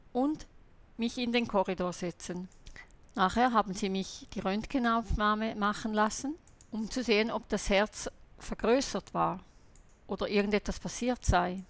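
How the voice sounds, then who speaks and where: A woman tells her personal faith testimony in an earnest, fervent way. Her voice sits at a middle pitch for a woman. The recording is dry and close, with no room sound. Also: dry recording. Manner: earnest, fervent, addresses listeners as brothers and sisters. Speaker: lay preacher giving testimony.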